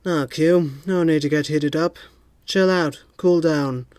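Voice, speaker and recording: A man's voice: on the high side, fairly even intonation, measured pace, darkish tone, dry recording, voice pushed up, lightly acted. James Bond: a man doing a suave secret agent. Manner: smooth, dry wit. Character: suave male secret agent, smooth and charming.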